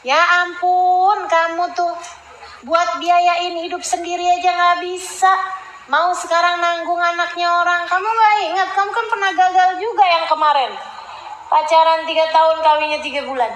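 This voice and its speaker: A woman's voice: extremely high pitch, little pitch movement, normal speed, fairly bright tone, roomy sound, voice pushed up, poor audio. A woman doing an exasperated scolding mother. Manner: scolding, dismissive. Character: exasperated mother refusing her son's marriage.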